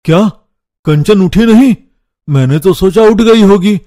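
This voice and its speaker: A man voicing a patient young husband who grows loudly exasperated. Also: high-pitched, a little slow, no room sound, studio quality.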